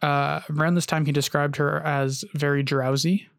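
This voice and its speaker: A man hosting a casual storytelling podcast. He has a gravelly voice pitched a little high. He recounts events haltingly, with many "uh"s and restarts, and the sound is close and dry. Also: level tone, no room sound. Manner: hesitant, frequent "uh" and restarts, reads long quotes aloud. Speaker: podcast host.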